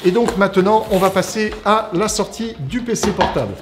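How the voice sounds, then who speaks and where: Against a noisy background, a man from an IT company does a casual unboxing review, explaining things as he goes. He talks at a moderate pace in a high voice, chatty and explanatory, often dropping "alors" and "on va dire".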